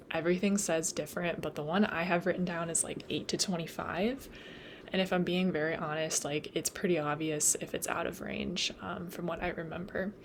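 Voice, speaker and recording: Losing her voice, a young woman who tutors nursing students explains the material in a casual, chatty study lecture. She says "like" and "um" a lot and laughs at her own slips. Her voice is lowish, and the background is noisy.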